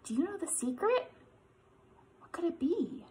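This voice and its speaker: In a very high, unhurried voice, an American woman in her thirties leads storytime for young children. It's a preschool lesson built around reading a picture book aloud, and her manner is lively and encouraging, exaggerated for kids and peppered with questions.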